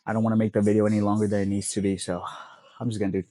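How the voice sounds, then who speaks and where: A congested young man vlogs casually at the gym between sets, sniffling and rambling loosely with many fillers. His fairly low, dark voice stays level while he races along.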